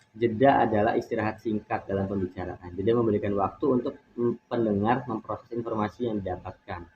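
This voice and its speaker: A young male university student with an Indonesian accent, giving a chatty, hesitant class presentation full of fillers and restarts. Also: fairly low pitch. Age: young adult. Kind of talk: casual explanatory presentation. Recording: tinny phone-like recording with faint noise.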